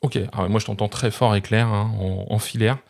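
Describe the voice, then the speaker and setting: Speaking fairly quickly with fairly even intonation, this man has a lowish, darkish voice with vocal fry. He hosts a tech review channel and demonstrates gear casually to camera, chatting straight to his viewers.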